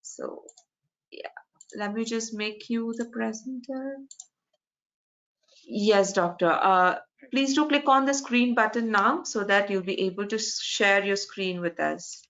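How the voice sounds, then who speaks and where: A woman's voice: medium pitch, takes it slowly, a bit bright. A woman moderating an online conference, giving polite step-by-step instructions with frequent restarts, heard through a video call screen recording. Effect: captured in a video call screen recording. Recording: dull lo-fi video call audio.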